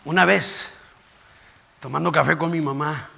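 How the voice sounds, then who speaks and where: A man's voice: on the high side, steady tone, a little slow, gravelly, sharp tone, breathy edge, long reverb tail. A man preaching a fervent sermon in a church, recorded live. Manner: fervent preaching, voices the people in the story. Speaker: pastor. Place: church sanctuary.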